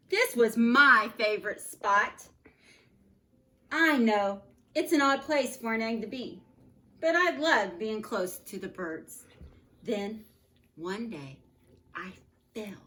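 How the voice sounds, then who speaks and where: With a fairly high voice, a teacher at home reads a picture book to her class expressively, pausing for gentle asides to the kids.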